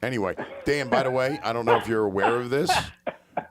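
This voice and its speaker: A man's voice: medium pitch, a little fast, very noisy. A man co-hosting a podcast, chiming in with wry remarks and laughter. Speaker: podcast co-host. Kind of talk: casual banter.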